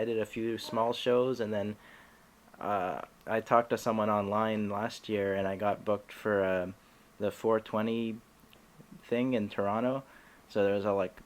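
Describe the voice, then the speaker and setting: A man hosting a comedy podcast in casual chat, talking haltingly with many restarts and little laughs. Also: lowish voice.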